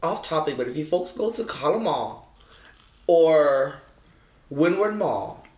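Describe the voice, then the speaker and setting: This woman has a local Hawaiian accent and a very expressive, up-and-down delivery. She chats casually and colloquially as a podcast co-host, with a teasing manner. The room adds noticeable echo. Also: sits low, a little slow. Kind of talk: casual chat. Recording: roomy echo.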